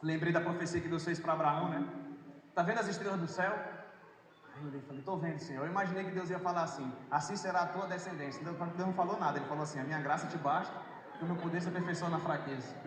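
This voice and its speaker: High-voiced man preaching in an echoey hall. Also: fast, background noise. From Brazil. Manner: storytelling, swings from hushed to excited. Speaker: worship minister and preacher. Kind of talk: sermon testimony. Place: large hall at a youth congress.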